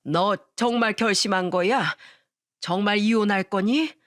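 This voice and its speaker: A woman's voice: fairly high pitch, unhurried, no room sound, clean studio sound, close to an everyday voice. A woman voicing a protective middle-aged father who speaks firmly and resolutely. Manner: firm, resolute.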